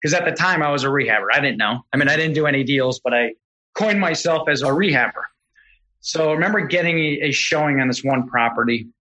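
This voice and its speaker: A middle-aged man, a podcast guest, telling stories in a casual, animated way, often correcting himself mid-sentence. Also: on the high side, quick pace, poor audio. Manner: animated, self-correcting storyteller. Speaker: podcast guest, real estate investor. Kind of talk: casual storytelling.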